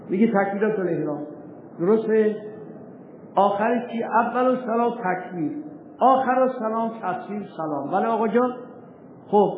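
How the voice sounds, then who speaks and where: Male law teacher, high voice, rhetorical questions, tinny phone-like echoey hall recording. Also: a little hiss or hum. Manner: reads old texts slowly and deliberately. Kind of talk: seminary lecture.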